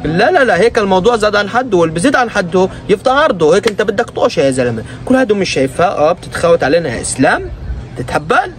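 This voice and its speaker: A man rants through a comic reaction video in mock outrage. His voice sits high and swings widely. He talks fast and keeps up the exasperation. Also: sing-song.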